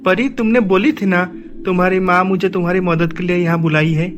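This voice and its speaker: Male actor as determined uncle, earnest and questioning, high voice. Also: steady tone, brisk, faint music behind, lightly acted. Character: worried young uncle, determined adult man. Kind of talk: animated story voice acting.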